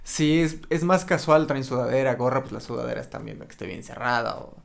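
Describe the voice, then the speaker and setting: Gravelly-voiced man. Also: mid-range voice, a little fast. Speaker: podcast co-host. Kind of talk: casual chat.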